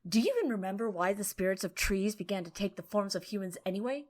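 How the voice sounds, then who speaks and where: A woman's voice: mid-range voice, quick pace, natural voice. A woman voicing a haughty, scornful female tree spirit. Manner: haughty, sharp.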